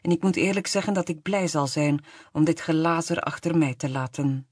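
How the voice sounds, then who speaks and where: A reader voicing a restless, fed-up grown man in an audiobook, in a husky voice. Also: mid-range voice, normal speed, no echo, close to an everyday voice. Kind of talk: audiobook reading.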